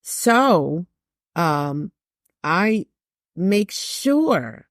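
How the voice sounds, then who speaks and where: An older jazz singer with a deep, sing-song voice speaks extremely slowly as a podcast guest, candid and emphatic, repeating phrases to drive her points home. The recording is clean studio sound with no room tone.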